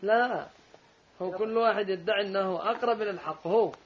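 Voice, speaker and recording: Brief: emphatic male teacher, high voice, rapid delivery, muffled lo-fi recording with faint background hum. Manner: emphatic, interjects corrections. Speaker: teacher commenting on a text. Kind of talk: religious lesson commentary. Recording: dull lo-fi recording with faint room noise.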